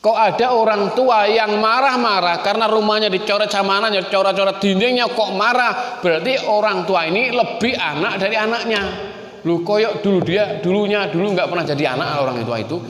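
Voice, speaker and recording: A man's voice: high-pitched, fairly quick, fairly bright tone. A male preacher with a Javanese accent, giving a folksy sermon and talking straight to his listeners. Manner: folksy, addresses listeners as Pak and Bu, mixes in Javanese. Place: mosque or community hall. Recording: echoey hall with long reverb.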